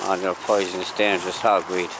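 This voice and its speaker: An Irish man talks in a fairly low voice, folksy and unhurried in his wording as he addresses viewers. It is casual vlog chat recorded outdoors at a riverside, with clearly audible background noise. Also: level tone. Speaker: fishing vlogger. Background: clear outdoor ambience.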